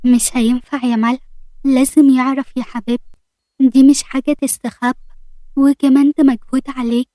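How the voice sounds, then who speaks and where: A middle-aged mother, firm yet tender with her daughter, played by a woman narrator. Mellow tone, slightly high, recorded dry and close. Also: brisk, pauses often, no echo, natural voice. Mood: steady. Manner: steady, tender.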